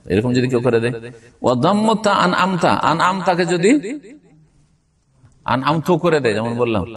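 Male religious teacher, fairly high voice, lecturing and quizzing his class, recorded from a distance. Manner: explains slowly, checks understanding with frequent rhetorical questions; recites Arabic passages with careful pronunciation. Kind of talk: classroom lecture on Islamic law.

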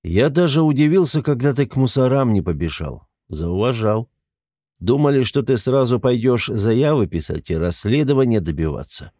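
A man voicing a graying crime boss in his fifties, speaking in a velvety, trained announcer-like voice, unhurried and quietly menacing. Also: medium pitch, animated, no room sound, clean studio sound, lightly acted. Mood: calm, knowing. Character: graying fifty-something male crime boss, calm and commanding. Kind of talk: audiobook character voice.

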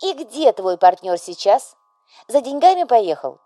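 A woman's voice: a little high, big pitch swings, unhurried, mellow, no room sound, clean studio sound, pitched above the performer's own voice. A woman doing an overbearing widowed mother. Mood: stern. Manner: scolding, pressing, melodramatic.

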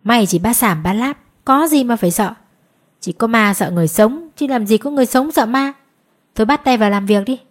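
A woman voicing a loud, boastful middle-aged village man in a spoken ghost story. Her voice is husky and emphatic. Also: mid-range voice, normal speed, close to an everyday voice. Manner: raised, emphatic.

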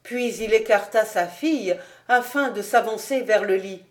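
Woman reading an old novel out loud, steady and even, audiobook narration. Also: medium pitch, measured pace. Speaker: audiobook reader. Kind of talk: literary narration.

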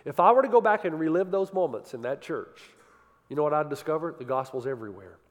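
A man preaching a sermon with passion, swinging from loud emphasis to quiet, intense moments. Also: fairly high pitch, expressive, fast, long reverb tail. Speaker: pastor.

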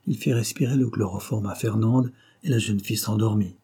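A male narrator reads a classic novel in a low, husky voice. His tone is dark and mellow, and the delivery stays measured and even. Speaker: audiobook narrator. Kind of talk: scripted narration.

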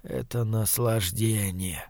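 A man reading an audiobook gives voice to the hoarse, weary, defiant last man alive as he lies dying. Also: a little high, dry recording, clean studio sound. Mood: anguished. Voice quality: hoarse, quiet and slow.

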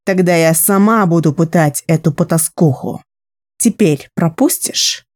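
A man's voice: high voice, animated, measured pace, warm tone, voice pushed up. A man voicing a cold, commanding noblewoman who speaks in a clipped, threatening way in an audiobook.

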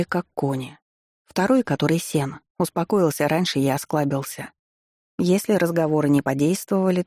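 A narrator reading a first-person fantasy story aloud in a wry, expressive manner with ironic asides. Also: medium pitch, no echo, studio quality. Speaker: audiobook narrator.

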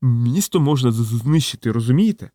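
A man reading an audiobook, voicing a kindly old male wizard who stammers and talks slowly. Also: medium pitch, expressive, no room sound, clean studio sound, close to an everyday voice. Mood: exasperated. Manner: stammering, slow, gently exasperated. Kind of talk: audiobook character voice.

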